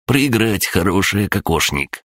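A man's voice: sits low, sing-song, unhurried, a bit bright, dry recording, clean studio sound, voice pushed up, full character voice. A man voicing a pompous male crab-gnome spirit who speaks in broken grammar, in an audiobook. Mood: smug.

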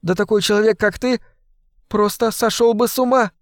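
A man voicing a tearful woman pleading over the phone, her voice chesty and hoarse and broken by sobs. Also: mid-range voice, steady tone, moderate pace, no echo, clean studio sound, voice pushed up, natural voice. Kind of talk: audiobook character voice.

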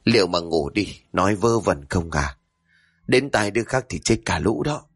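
A man's voice: sits low, animated, moderate pace, husky. A man voicing a curt, irritable young village husband in a spoken ghost story. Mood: angry. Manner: snapping, curt.

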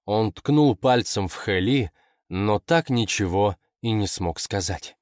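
A man reading fiction aloud in a measured, expressive narration. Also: on the low side, dry recording, studio quality. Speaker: audiobook narrator. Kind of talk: scripted narration.

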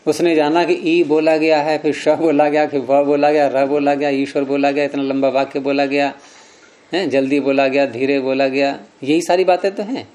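A man teaches a class about Sanskrit sutras in a slightly high, darkish voice, with fairly even intonation and normal speed. He recites in Sanskrit, repeats important words, and questions the students frequently.

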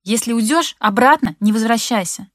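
A woman's voice: lively intonation, measured pace, dry recording, studio quality. A woman voicing a hurt, furious wife who shrieks accusations, in an audiobook. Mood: bitter. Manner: shrill, accusing.

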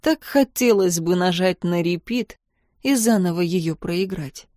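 A woman narrating a novel in the first person, calm, measured and expressive. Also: on the low side, no echo, studio quality. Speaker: audiobook narrator.

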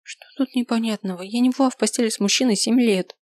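A woman's voice: a little high, fast, a little mellow, dry recording, studio quality, pitched above the performer's own voice, natural voice. A woman voicing a distraught young woman who speaks in a strained, tearful, raised voice. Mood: bitter.

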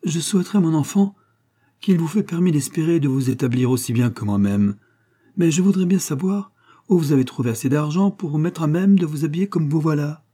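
A man's voice: a little high, animated, brisk, dark tone, breathy edge, voice pushed up. A male reader voicing a vain, effusive middle-aged woman who has newly remarried, exclaiming piously and gushing over everyone.

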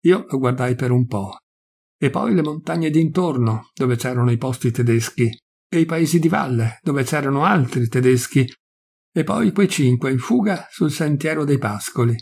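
Gravelly man reading a story aloud. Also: medium pitch, lively intonation, a little mellow. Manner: measured storytelling, voicing dialogue lightly. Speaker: reader. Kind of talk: literary reading.

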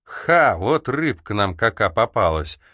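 A man voicing a gruff, mocking middle-aged Cossack ataman with a folksy, boisterous way of talking. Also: fairly low pitch, sing-song, unhurried, pushed and bright, dry recording, studio quality, exaggerated voice.

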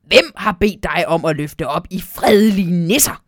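Woman reading as a cranky tiny christmas elf, huffy and easily offended, slightly gravelly, dry close sound. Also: lowish voice, animated, no echo. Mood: indignant. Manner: indignant shouting.

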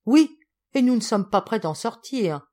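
A woman's voice: a little high, lively intonation, unhurried, darkish tone, voice pushed up. Woman reading a solemn Martian second officer. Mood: gloomy. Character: grave male second-in-command, gloomy.

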